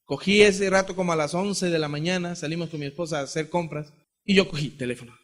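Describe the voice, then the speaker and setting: In a heartfelt testimony sermon, an Ecuadorian preacher re-enacts his conversations with God and his brother. His voice sits high for a man and is fairly bright; he talks quickly with a steady tone and impassioned energy.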